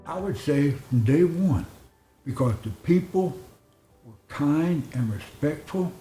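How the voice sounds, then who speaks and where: A man telling a story from his own life in an interview, folksy and animated, acting out the voices in it. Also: mid-range voice, slight background noise. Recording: echoey room.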